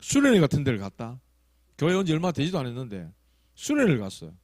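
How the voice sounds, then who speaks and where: Lively Gyeongsang pastor preaching. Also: male voice, sits high, dry recording. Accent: Gyeongsang Korean. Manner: storytelling, shifting from loud emphasis to hushed asides; acts out quoted prayers and tongues. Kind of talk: sermon.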